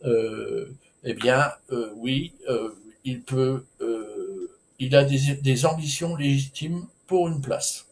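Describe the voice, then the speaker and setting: A man walks through the runners of a horse race at a slow, unhurried pace. His delivery is hesitant and informal, full of filler sounds, restarts and casual asides. His voice sits at an ordinary middle pitch. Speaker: horse racing tipster. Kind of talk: solo racing preview commentary.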